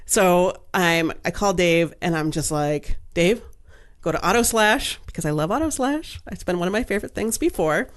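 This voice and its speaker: A woman with a somewhat low voice co-hosts a casual podcast. She tells her stories in an animated, chatty way, acting out what everyone said along the way. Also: moderate pace. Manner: chatty, animated retelling with quoted dialogue and frequent "like". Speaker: podcast co-host. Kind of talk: casual storytelling chat.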